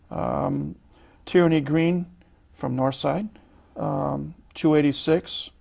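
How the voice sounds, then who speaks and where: Gravelly host reading off stats. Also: male voice, fairly high pitch, darkish tone. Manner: reads stats haltingly with many fillers. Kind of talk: sports interview show.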